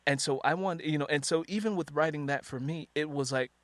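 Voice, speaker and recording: A man with a slightly high, fairly bright voice talks at a quick clip, with no echo in the recording. He's a host and fellow author conducting an interview, chatty and conversational, using anecdotes from his own life to set up each question.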